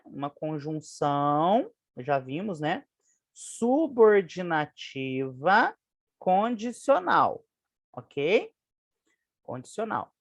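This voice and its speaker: A woman's voice: medium pitch, darkish tone, dry recording, studio quality. A woman with a Brazilian Portuguese accent explaining exam questions as a teacher, chatty and checking in with her listeners often. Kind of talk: exam answer walkthrough lesson.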